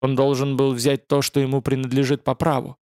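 A man's voice: medium pitch, completely flat delivery, a little fast, darkish tone, clear, resonant tone, no room sound, studio quality, lightly acted. A man reading an audiobook voices a proud young female demon warrior, haughty and strained by pain. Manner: haughty, then pleading in pain.

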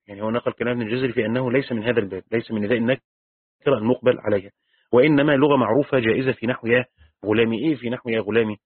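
A man's voice: medium pitch, breathy edge, no echo. A man with an Egyptian accent teaching a Quran commentary class, reading the text and then explaining it in colloquial speech with frequent restarts. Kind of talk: reading and explaining a tafsir lesson. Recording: dry, tinny phone-like lo-fi audio.

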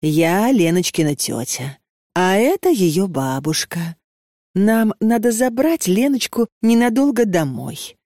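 A reader voicing a stout middle-aged aunt who coaxes in a hushed whisper full of endearments. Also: female voice, medium pitch, sing-song, slow, dry recording, studio quality. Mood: calm.

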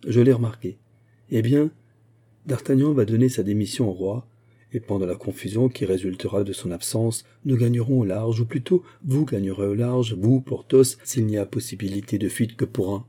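A man's voice: lowish voice, moderate pace, warm tone, breathy edge. A man reading Aramis, a sly musketeer bishop. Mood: scheming. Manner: reasoning, reassuring.

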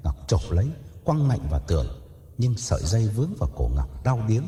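A man narrating an audio story in a dramatic, expressive way. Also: fairly low pitch, brisk. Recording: echoey reverb with faint music.

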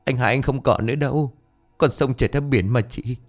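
Kind poor village lady, voiced by a man, soft and gentle, trying to comfort someone. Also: medium pitch, brisk, faint music behind, pitched above the performer's own voice, close to an everyday voice. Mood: consoling. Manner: gentle, consoling.

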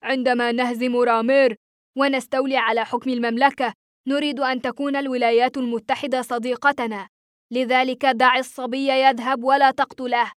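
A woman's voice: high voice, little pitch movement, fairly quick, clean tone, no echo, studio quality, close to an everyday voice. A woman voicing a huge, breathless male soldier who argues his point urgently. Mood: urgent reasoning. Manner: urgent, reasoning.

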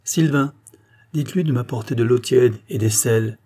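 A man voicing a calm, authoritative middle-aged doctor who gives brisk orders, in a read-aloud novel. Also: mid-range voice, lightly acted. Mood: commanding. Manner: brisk, commanding.

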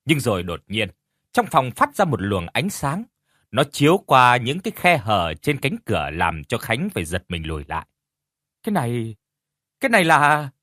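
A man narrating a scripted horror story in a dramatic, expressive way. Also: mid-range voice, normal speed, dry recording, studio quality. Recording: faint background music.

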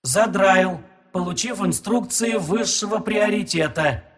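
A man voicing a ship's computer, answering in a quiet, mechanical voice with flat, dutiful replies. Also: high-pitched, a little slow. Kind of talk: audiobook narration.

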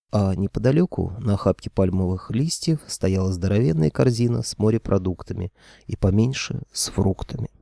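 A man narrates a comic fairy tale in the first person with a wry, storytelling manner. His voice is low, gravelly and dark-toned. The recording is close and dry. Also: dry recording. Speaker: audiobook narrator.

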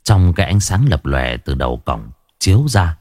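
A man's voice: very deep voice, big pitch swings, moderate pace, darkish tone, no echo, clean studio sound. Man telling a dramatic ghost story. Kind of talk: first-person storytelling.

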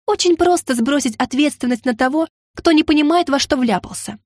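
Defiant fed-up young heroine, woman reading her, sharp retorts, slightly high voice, dry close mic. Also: fairly quick, dry recording, natural voice.

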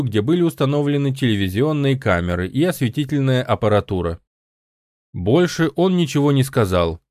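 A man reading an audiobook in a measured, even narration. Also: medium pitch, no room sound, studio quality. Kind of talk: scripted narration.

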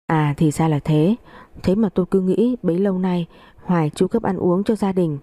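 A woman narrating a family story in the first person with steady, reflective storytelling. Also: lowish voice, normal speed, dry recording.

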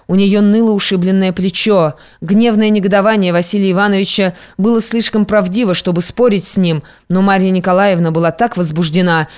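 A reader giving a steady, measured narration of classic literary prose. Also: mid-range voice, clean tone. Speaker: audiobook narrator.

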